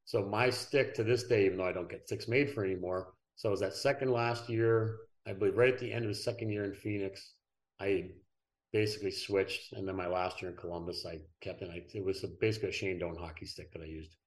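A middle-aged man, a former pro athlete, telling relaxed, rambling anecdotes as a podcast guest. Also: deep voice, fairly quick. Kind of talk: casual interview storytelling.

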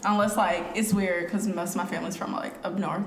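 A woman's voice: fairly low pitch, steady tone, fairly quick. A young woman from South Carolina chatting casually among friends. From Anderson, South Carolina. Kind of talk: casual group chat. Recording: echoey room, faint background noise.

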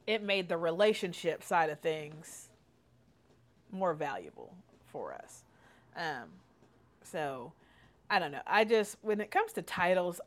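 A middle-aged woman hosting a podcast, telling candid personal stories in casual chat, laughing often and swearing freely. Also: lowish voice. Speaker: podcast host.

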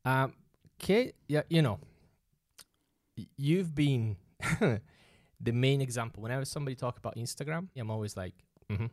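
A man's voice: medium pitch, normal speed, no room sound. Guy hosting a podcast, chatty and laughing, dead dry close mic sound. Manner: animated, laughs often, quotes himself in lively asides. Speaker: podcast host. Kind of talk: casual chat.

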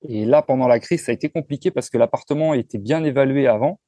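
Male interview guest, 40s; mellow, frank, hesitant, dry close recording. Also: medium pitch, quick pace, no echo. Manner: relaxed, frank, with frequent hesitations and restarts. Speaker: entrepreneur guest. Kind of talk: casual conversational interview.

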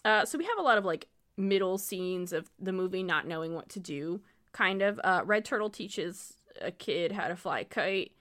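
A woman co-hosting a podcast recaps a bad movie in loose, casual chat. Her voice is bright and forceful, and she keeps laughing through her own summary with a wry, amused edge. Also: lowish voice, animated, moderate pace, few pauses. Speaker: podcast co-host.

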